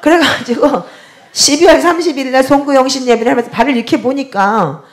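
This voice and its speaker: A woman's voice: high-pitched, brisk. A middle-aged woman pastor telling a story from her pulpit, acting out the other people's voices as she goes. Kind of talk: testimony during a prayer service.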